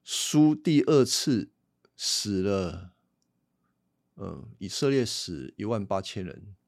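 A man's voice: lowish voice, big pitch swings, takes it slowly, creaky, a little mellow, no echo, clean studio sound. Conversational man teaching. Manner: conversational, explanatory, rhetorical questions. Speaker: Bible teacher. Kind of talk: casual Bible teaching podcast.

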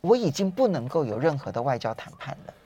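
A woman's voice: very deep voice, big pitch swings, quick pace, mellow. Chatty Taiwanese woman hosting current affairs. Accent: Taiwanese Mandarin. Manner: conversational, leads with questions and pointed asides. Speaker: radio talk show host.

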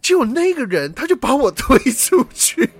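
A man's voice: very high-pitched, sing-song, moderate pace, dry recording. A man, hosting a casual podcast and animatedly telling a dream story, acting out sounds as he goes. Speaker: podcast host.

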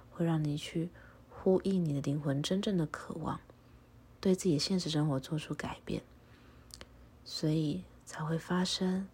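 Low, very smooth breathy-voiced meditation guide. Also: female voice. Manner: soft, breathy, often half-whispered delivery; slow, calm, instructive.

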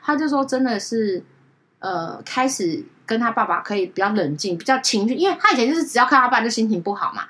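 Fast-talking woman telling stories. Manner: animated, acts out quoted dialogue with big pitch jumps. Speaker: pet communicator. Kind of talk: casual podcast storytelling.

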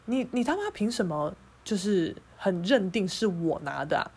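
A woman's voice: mid-range voice, animated, moderate pace, darkish tone, slightly rough. A woman with a Taiwanese Mandarin accent hosting a podcast, telling a story in a heated, profane, sarcastic rant. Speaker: podcast host.

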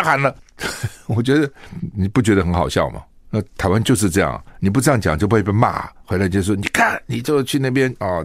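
A man's voice: lowish voice, no echo, clean studio sound. A man hosting a radio show, giving opinionated solo news commentary full of rhetorical questions.

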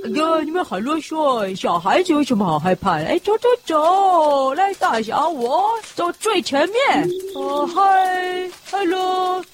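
A woman voicing a bold, cheeky, excitable animal, scoffing yet friendly, in a children's audio story. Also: sits high, measured pace, few pauses. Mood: dismissive, bold. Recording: clear background noise.

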